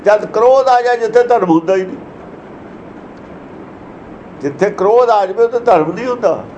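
A man's voice: high voice, moderate pace, darkish tone, lo-fi sound, slight background noise. A man giving a religious discourse that explains verses, lecturing earnestly and asking many rhetorical questions. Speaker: preacher.

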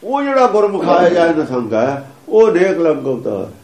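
A man preaches in a high voice, explaining scripture with emphasis. He chants and repeats the lines he quotes. The sound is roomy and echoing. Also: big pitch swings, moderate pace, darkish tone. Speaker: religious preacher.

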